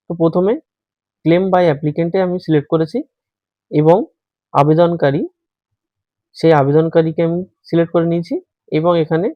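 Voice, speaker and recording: A man's voice: a little high, dry recording. A man from giving a patient, step-by-step tutorial, talking viewers through an online form as a friendly host. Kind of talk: screen-recorded how-to walkthrough. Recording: dry, slightly dull voice-over.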